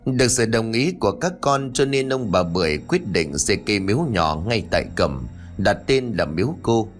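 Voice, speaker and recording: A man narrating a ghost story audiobook in an expressive, dramatic way. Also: lowish voice, moderate pace, faint music behind.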